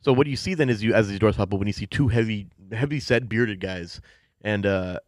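Low-voiced man running a tabletop game. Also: brisk, darkish tone, no echo, clean studio sound. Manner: rambling, hesitant with many fillers. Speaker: game master.

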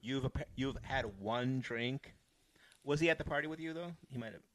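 A man's voice: medium pitch, normal speed. Laid-back man bantering crudely. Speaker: podcast co-host. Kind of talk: casual chat.

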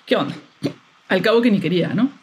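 A woman's voice: mid-range voice, animated, fast talker, darkish tone, slight background noise. A young woman, hosting a podcast as a casual, exasperated monologue with frequent laughter. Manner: chatty, exasperated, laughs often. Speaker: podcast host.

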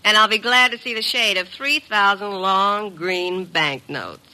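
In a 1950s radio drama, an actress plays a tough, cool female blackmailer whose talk is slangy, brassy and insistent, hard and threatening in mood. Her medium-pitched voice is pushed and bright at a measured pace, heard through a rough vintage radio broadcast recording.

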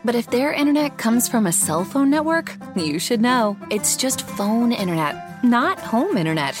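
A woman reading a scripted ad in a smooth, persuasive way. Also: on the high side, very animated, over music. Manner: smooth, persuasive, fast disclaimer. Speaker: ad announcer. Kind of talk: scripted ad read.

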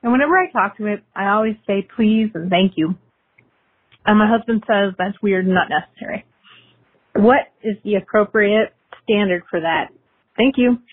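A woman's voice: medium pitch, normal speed. A woman from Oregon leaving a voicemail question for the show. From Portland, Oregon. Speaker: caller. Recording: phone-line voicemail.

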